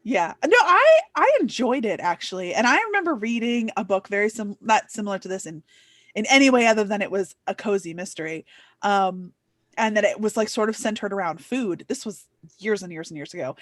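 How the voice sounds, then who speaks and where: A woman's voice: medium pitch, animated, normal speed, no echo. Chatty young woman, dry close sound. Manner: chatty, many "like" fillers, playful quoted voices. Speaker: booktuber host. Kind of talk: casual book discussion.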